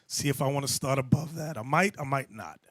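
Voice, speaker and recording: A man's voice: mid-range voice, a little fast, a bit bright, no echo. A man leading a Bible lesson as a bishop, calling out verses and explaining each one in a commanding way. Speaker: bishop teaching a class.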